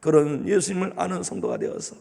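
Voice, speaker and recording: A man preaching a sermon as pastor, emphatic and repetitive, swinging between loud declarations and hushed asides. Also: high voice, wildly swooping pitch, quick pace, gravelly. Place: church sanctuary. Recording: long hall reverb of a church.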